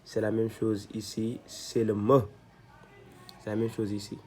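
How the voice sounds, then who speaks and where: A man teaching a reading lesson step by step, patient and repeating each syllable slowly so learners can follow. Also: on the low side, level tone, warm tone, breathy edge. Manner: slow, patient, repeats syllables to model them.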